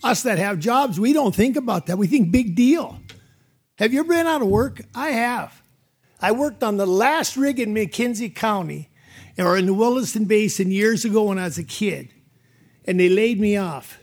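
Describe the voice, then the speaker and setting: A man's voice: high-pitched, animated, moderate pace. A middle-aged man from North Dakota, giving emotional, plain-spoken testimony as a landowner at a public hearing.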